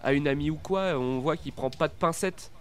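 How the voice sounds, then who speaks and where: A man's voice: a little high, fairly quick. A man chatting casually about a film, with frequent fillers.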